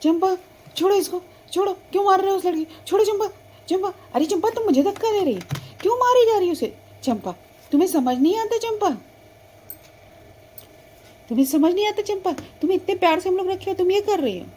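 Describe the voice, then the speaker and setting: A woman voicing an older village sister in a doll story, scolding loudly. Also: very high voice, lively intonation, very fast, hardly any pauses, pitched above the performer's own voice. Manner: loud, scolding.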